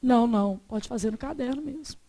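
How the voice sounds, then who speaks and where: A Brazilian woman delivers a classroom grammar lecture, constantly checking with quick tag questions that her students are following. Her voice is fairly high and warm, and the recording is dry.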